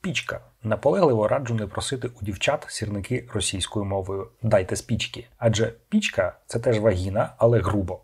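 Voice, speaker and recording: A language channel host narrates a scripted vocabulary lesson in a fairly low, darkish, slightly rough voice. Speaking a little fast with few pauses, he reads each word and then its meaning in short paired phrases.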